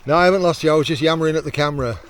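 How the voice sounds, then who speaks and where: This British man talks rapid-fire in a fairly high voice as he presents a product test from a kayak on a canal. Casual and chummy, he jokes with friends to camera, and the audio clearly captures the water and boat sounds around him.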